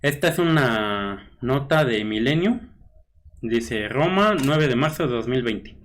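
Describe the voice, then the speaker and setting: A man's voice: mid-range voice, expressive, slow. A man with a Mexican Spanish accent giving casual blog commentary, reading news snippets aloud and musing with frequent fillers and tag questions. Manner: conversational, musing with fillers like "este" and "¿no?". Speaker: blogger host.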